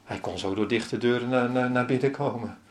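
A man's voice: mid-range voice, fairly quick. A man preaching a sermon as pastor, asking the congregation many rhetorical questions.

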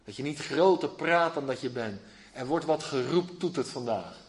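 A man preaching a sermon, asking his listeners questions and slowing to stress key phrases. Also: mid-range voice, lively intonation. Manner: emphatic, rising to slow declaimed phrases.

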